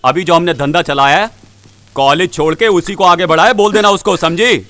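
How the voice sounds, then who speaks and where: A domineering middle-aged father who bullies and threatens his family. His voice sits a bit high and sounds dry and close to the mic. He talks with a harsh, commanding edge. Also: moderate pace, sharp tone, no echo. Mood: angry. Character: harsh bootlegger father, bullying and money-minded. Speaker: stern father. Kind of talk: Hindi film dub acting.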